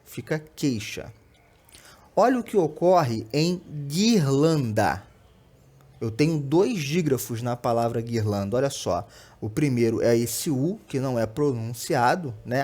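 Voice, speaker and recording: A young adult man with a Brazilian Portuguese accent who teaches an online lesson over slides and explains patiently, often checking in with quick tags like "tá?" and "né?". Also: mid-range voice, a little mellow.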